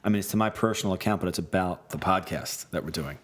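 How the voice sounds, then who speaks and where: Philly man with a low voice. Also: breathy edge. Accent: Philadelphia. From Philadelphia. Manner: halting, restarts often, reads aloud. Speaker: podcast co-host. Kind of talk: casual chat.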